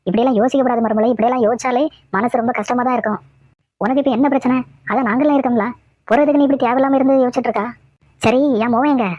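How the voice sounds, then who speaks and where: A woman's voice: a little high, steady tone, racing, no echo, natural voice. A woman voicing a nagging cartoon mother-in-law. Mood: scolding. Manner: scolding, repetitive nagging. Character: scolding middle-aged mother-in-law, nagging and fussy. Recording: dull lo-fi dry audio.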